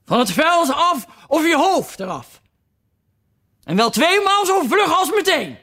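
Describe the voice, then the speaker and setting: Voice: high-pitched, very animated, measured pace, voice pushed up, heavily acted. A reader voicing a furious, tyrannical queen who barks orders. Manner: shouting commands. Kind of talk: audiobook reading.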